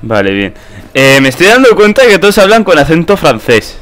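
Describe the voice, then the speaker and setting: A man's voice: fairly high pitch, sing-song, brisk, a bit bright. A young man with a Spain Spanish accent, giving casual let's-play commentary. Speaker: gaming video host.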